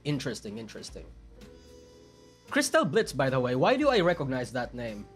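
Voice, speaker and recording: A man's voice: mid-range voice, wildly swooping pitch, fairly quick, faint music behind. A man with a Filipino accent chatting casually on a live stream, rambling and self-deprecating as he answers his chat. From Philippines.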